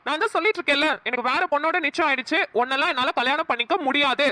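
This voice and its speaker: A woman's voice: high-pitched, rapid-fire, sharp tone, no room sound. A woman voicing an irritated young man on a phone call in a cartoon. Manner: irritated, exasperated. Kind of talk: cartoon voice acting.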